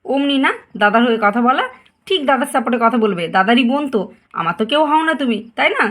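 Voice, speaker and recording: A woman's voice: medium pitch, a little fast, close to an everyday voice. Woman playing a stern scolding mother. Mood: exasperated. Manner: sharp, scolding. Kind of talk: doll story voice acting.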